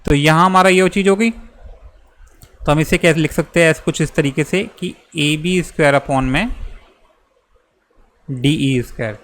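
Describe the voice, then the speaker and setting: Young male tutor, patient step-by-step explainer, slightly raised pitch. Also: measured pace, long pauses, fairly bright tone. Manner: patient, repeats and checks with "theek hai". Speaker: maths teacher. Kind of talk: explaining a geometry proof step by step.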